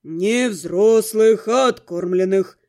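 A woman's voice: medium pitch, slow pace, warm tone, pitched below the performer's own voice, close to an everyday voice. A woman voicing a grumpy, sarcastic male ghost who lives in a mirror and answers in curt, grudging replies. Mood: grumbling.

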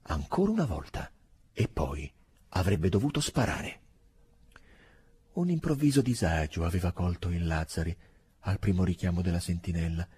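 Husky, expressive male audiobook narrator. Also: low voice, moderate pace, long pauses. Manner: expressive, wide-ranging delivery. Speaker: audiobook reader.

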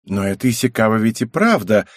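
A man voicing a loud, clingy, rude blonde schoolgirl in an audiobook. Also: fairly low pitch, very animated, brisk, no room sound, studio quality. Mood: pushy.

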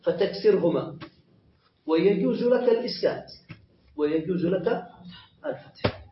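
A man's voice: sits high, expressive, normal speed, a little hiss or hum. A man teaching a grammar lesson, who asks questions and answers them himself, repeating points patiently and correcting himself as he goes. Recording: echoey muffled lo-fi lesson recording.

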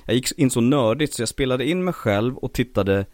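A man's voice: medium pitch, no echo, clean studio sound. A man who works as a voice actor and impressionist, telling stories in a casual podcast interview. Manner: lively storyteller, slips into quoted voices.

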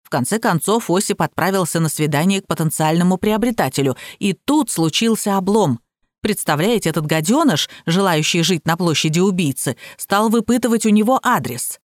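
A woman narrating a detective story in first person in a lively, scripted reading. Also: on the low side, fairly quick, no room sound, studio quality. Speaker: audiobook narrator.

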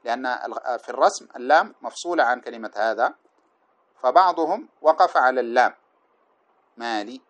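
A man teaching a class on an old didactic poem, chanting the verses slowly and then explaining them in quick, plain lecture speech. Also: medium pitch, animated, a bit bright. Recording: dull lo-fi lecture recording.

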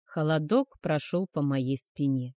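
A woman narrating a first-person romance audiobook in a soft, measured, emotional way. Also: low-pitched, no room sound, clean studio sound.

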